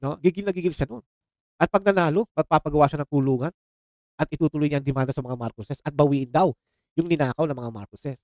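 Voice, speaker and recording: Speaking at a quick pace in a high-leaning, darkish voice with no echo, a Filipino vlogger delivers a heated, sarcastic political rant. He addresses his viewers as "mga chong" and slips English exclamations into his speech.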